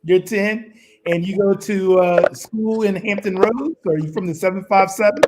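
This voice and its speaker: A man performs a slightly high-voiced co-host welcoming a child reader. His voice comes through a crackly, staticky call line with hiss and clicks. He talks casually and encouragingly. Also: normal speed. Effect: crackly, staticky phone-like line. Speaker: co-host of a virtual reading event. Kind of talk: casual online event hosting.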